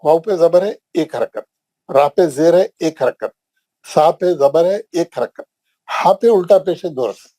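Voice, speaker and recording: A man with a Hyderabadi accent leads an online recitation lesson, drawing out and repeating each drill word with great patience. His voice sits a little high for a man yet sounds mellow and dark. The recording is dry and close, with no room echo. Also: animated. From India. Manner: slow and drawn out, repeating drill words for students. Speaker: Quran recitation teacher.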